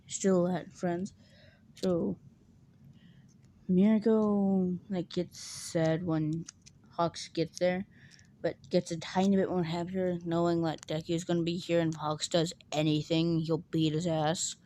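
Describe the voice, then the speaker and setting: A woman's voice: lowish voice, flat delivery, slow, long pauses, warm tone, slight background noise. A woman casually retelling a fan story in a rambling way, full of fillers, now and then acting out the characters' lines.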